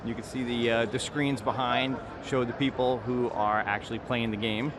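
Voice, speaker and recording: A man's voice: medium pitch, little pitch movement, moderate pace. A man narrating a casual walk-and-talk vlog in an informal, chatty way, speaking to his viewers. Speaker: vlogger. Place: out and about in busy city streets and venues. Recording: noisy urban ambience with traffic.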